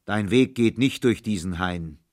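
A man voicing a giant, menacing forest spirit who talks loud and booming in a storybook reading. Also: unhurried, lightly acted. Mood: stern. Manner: loud, booming, coaxing then threatening.

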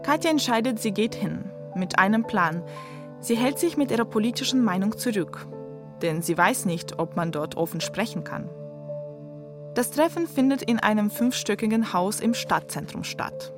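A woman narrating a documentary she wrote, measured and reflective. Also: medium pitch, lively intonation, music in the background.

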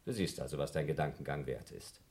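An actor in a radio play playing a paranoid scientist who coldly accuses his crewmate and then rises to shouts. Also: rumbling low, fairly quick, creaky. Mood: cold accusing. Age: younger than Mills. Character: Blob, paranoid scientist man feuding with crewmate. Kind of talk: German radio play acting.

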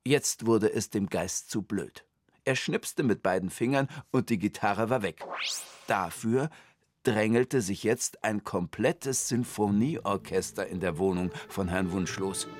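A man narrating a children's radio story in an expressive storytelling manner. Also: fairly low pitch, a little slow, no room sound, studio quality.

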